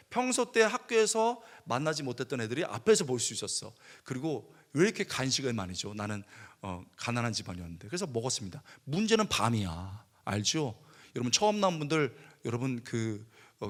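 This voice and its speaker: A male pastor preaching a sermon in a church, telling a personal story and acting out his younger self in animated outbursts. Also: mid-range voice. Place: church worship hall.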